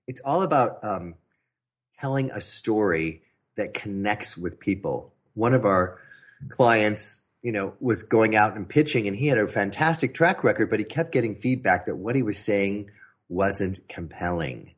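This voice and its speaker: A man speaking as a guest on an interview show, coaching entrepreneurs on pitching through energetic, emphatic storytelling. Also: measured pace, breathy edge.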